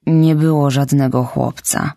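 A woman voicing a quiet, resigned older farmer who speaks slowly. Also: very deep voice, fairly even intonation, vocal fry, no room sound, studio quality, full character voice. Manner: slow, resigned.

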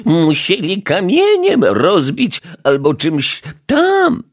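A grumbling elderly widow neighbour, huffy and shrill. Her scolding falsetto sits far above a man's voice and swoops widely. The sound is soft and slightly breathy, like a storybook reading. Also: wildly swooping pitch, takes it slowly, full character voice. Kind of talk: audiobook character voice.

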